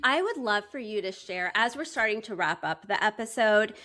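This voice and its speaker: A woman's voice: medium pitch, expressive, moderate pace, bright, forceful tone, slight background noise. A woman hosting an interview podcast, upbeat and conversational. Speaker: podcast host.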